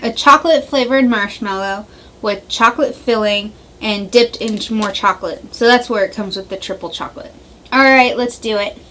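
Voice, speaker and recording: A woman's voice: medium pitch, moderate pace, pushed and bright, a little hiss or hum. A woman hosting a casual taste-test vlog, chatting and giving blunt opinions about sweets. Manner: chatty, blunt reactions, frequent laughs. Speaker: vlog host.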